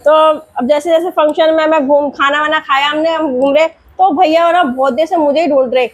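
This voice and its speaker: A woman's voice: high voice, fairly even intonation, moderate pace. A young woman vlogger and mother telling a home story in a chatty, rambling way, repeating herself as she goes, then drawing a moral.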